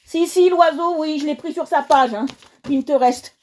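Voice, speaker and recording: A woman runs a casual coloring livestream, chatting to her viewers and often going back over what she just said. Her voice sits fairly high but has a soft, mellow tone. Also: normal speed. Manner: chatty, repeats herself, addresses viewers directly.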